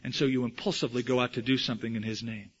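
A man preaching a sermon, dramatically acting out the quoted lines with big swings in loudness. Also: medium pitch, steady tone, racing, slightly rough, lo-fi sound. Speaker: pastor.

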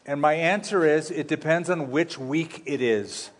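A man preaches at a pulpit microphone, his voice sitting a little high for a man. He teaches in a relaxed, folksy way with touches of humor. His words ring out with a long reverb through a big church sanctuary. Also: unhurried. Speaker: pastor. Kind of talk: sermon teaching. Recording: long reverb of a large hall.

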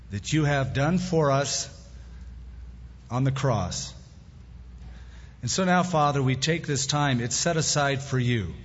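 A medium-pitched man with a breathy edge preaches from the pulpit mic of a church sanctuary. He keeps things conversational with plain-spoken asides, in an echoey hall captured with dull lo-fi sound.

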